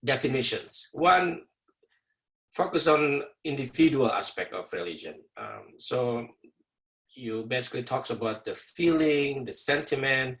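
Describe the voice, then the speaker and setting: Gravelly-voiced male professor lecturing. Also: medium pitch, lively intonation, a little slow, a bit bright, poor audio. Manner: hesitant, many fillers, explaining step by step. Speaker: university professor. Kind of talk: online lecture with class introductions. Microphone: video call.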